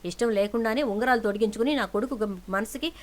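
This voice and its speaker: A woman's voice: fairly high pitch, quick pace, close to an everyday voice. A woman voicing a stern, suspicious middle-aged uncle who scolds his niece. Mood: scolding. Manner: scolding, accusing.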